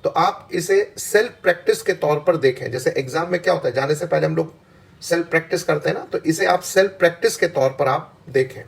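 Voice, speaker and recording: A man, teaching an English exam practice lesson, explaining slowly and pausing between points. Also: fairly high pitch, creaky, husky, low-quality recording. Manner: slow deliberate explaining with pauses.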